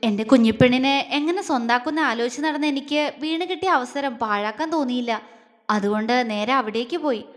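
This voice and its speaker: A woman voicing a tender young man who speaks softly and affectionately while confessing his love in an audio story. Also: a little high, fast talker, close to an everyday voice. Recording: long reverb.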